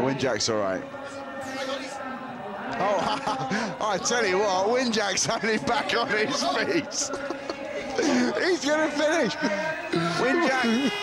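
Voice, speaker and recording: A man's voice: high-pitched, slow, long pauses, loud music behind the voice, a loud crowd. Amused man commentating on skiing. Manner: amused, laughing, excitable. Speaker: ski commentator. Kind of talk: live sports commentary.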